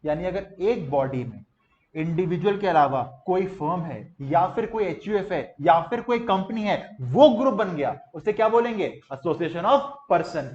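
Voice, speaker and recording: A young male teacher giving a lively classroom lecture to students in a classroom, drilling them playfully in call-and-response with hand gestures. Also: high-pitched. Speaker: commerce teacher. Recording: muffled classroom recording.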